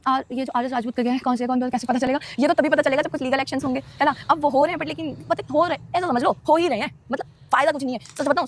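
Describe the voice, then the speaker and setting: A young woman on a casual live stream answering viewers' questions, emotional and defensive, talking straight to her audience. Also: sits high. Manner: emotional, rapid, defensive, addresses viewers directly.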